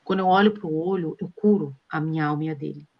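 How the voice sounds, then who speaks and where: A woman's voice: sits low, quick pace. A woman, a guest on a live stream, telling stories earnestly and acting out what she says to her children. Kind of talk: casual live-stream conversation. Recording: dull lo-fi live-stream audio.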